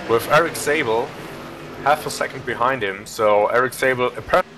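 A man's voice: mid-range voice, fairly quick, sharp tone, a little hiss or hum. A man co-commentating a live racing stream, reading out standings in rambling play-by-play with jokey asides. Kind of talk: casual race commentary.

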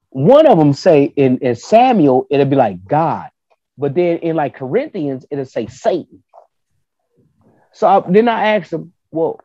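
A man with a somewhat high, husky voice talks in a lively, swooping way, acting out arguments in a casual podcast chat. The tone is warm and dark. The recording is dry and a bit dull and lo-fi. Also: no room sound. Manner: animated, argumentative storytelling with quoted back-and-forth. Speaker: podcast panelist.

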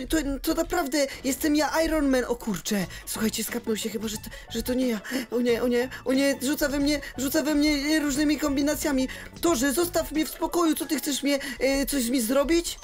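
A man giving excited Minecraft role-play commentary, speaking in an exclamatory way and talking straight to the viewers. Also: very high voice, moderate pace, hardly any pauses. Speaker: game role-play youtuber. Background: faint background music.

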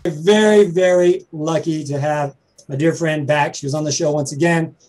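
A Southern-accented man hosting with nonstop energy and a jokey, hype-man delivery. His voice sits a bit high for a man yet sounds mellow and warm. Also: fairly even intonation, faint music behind. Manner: high-energy, joking, rapid hype intros. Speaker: host and stand-up comedian. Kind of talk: energetic talk-show hosting.

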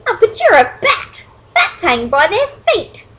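A woman playing a loud, blunt stranger bat. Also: very high voice, wildly swooping pitch, a little slow, pitched above the performer's own voice, exaggerated voice. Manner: loud, matter-of-fact storybook voice. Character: blunt curious adult bat.

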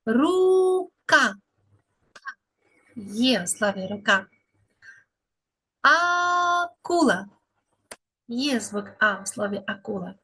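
A woman speech therapist talks small children through a lesson, stretching out each word in a slow, sing-song way. Her voice sits high and a little breathy. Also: big pitch swings, sharp tone.

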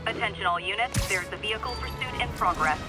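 An actor playing a calm male police dispatcher, heard as a police radio broadcast announcing in a flat, procedural way. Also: high-pitched, fast talker, over loud music. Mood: routine.

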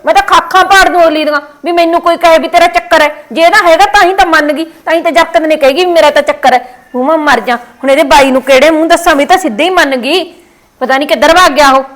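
A woman's voice: very high-pitched, a bit bright. A Punjabi-accented woman in a scripted family quarrel sketch, scolding and nagging. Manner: scolding, nagging, rapid-fire.

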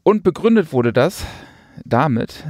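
A man's voice: a little high, big pitch swings, measured pace, darkish tone, dry recording, studio quality. A man co-hosting a casual podcast, talking sarcastically and rambling with many fillers. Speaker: podcast co-host. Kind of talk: casual chat.

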